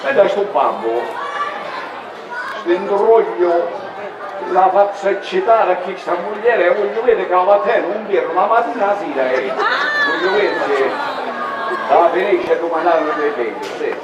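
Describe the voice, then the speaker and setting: An actor playing a grumbling, scheming old village potion-maker with a Sicilian accent in an amateur dialect stage comedy. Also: male voice, high-pitched, expressive, unhurried, dull audio, a loud crowd. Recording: echoey hall from far off, noisy audience.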